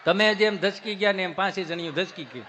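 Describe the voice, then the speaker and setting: High, bright Kathiawadi comedian. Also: male voice, brisk. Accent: Kathiawadi Gujarati. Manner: folksy, punchy, rhetorical asides to the audience. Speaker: stand-up comedian. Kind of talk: live stand-up storytelling.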